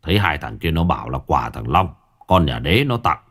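A stern old martial arts master speaks in a very deep, gravelly voice, as a man reading the story plays him. He is gruff and measured. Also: sing-song, fairly bright tone, full character voice. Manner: gruff, measured, holding back anger. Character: stern older male martial arts master, tightly restrained.

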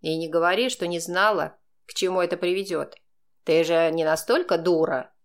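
A woman's voice: deep voice, normal speed, voice pushed down, natural voice. A woman doing a smug, taunting young man. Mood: mocking. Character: brash mocking male student, young man.

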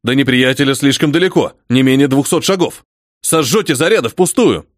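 A man's voice: mid-range voice, lively intonation, fairly quick, no echo, clean studio sound, close to an everyday voice. A man voicing a hot-headed older colonel who talks brusquely and impatiently. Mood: irritated.

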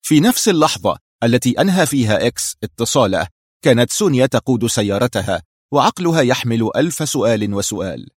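A man reading a spy novel aloud in a steady, measured narration. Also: medium pitch, breathy edge, no echo, clean studio sound. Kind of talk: scripted storybook narration.

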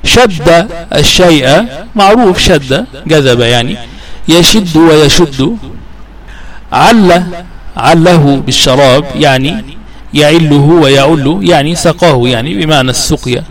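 A man with a fairly high voice teaches a grammar lesson. He speaks slowly and deliberately and repeats each verb form so it sinks in. Now and then he raises his voice to recite lines of verse. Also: poor audio. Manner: slow and deliberate, repeating verb forms and drawing them out. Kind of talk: recorded lesson explaining a classical grammar poem.

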